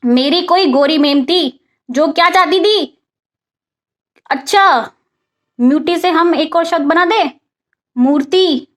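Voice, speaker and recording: A woman's voice: extremely high pitch, takes it slowly, pauses often. A woman teaching English vocabulary in a casual spoken lesson, asking and answering her own questions. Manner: mixes English vocabulary into Hindi explanation.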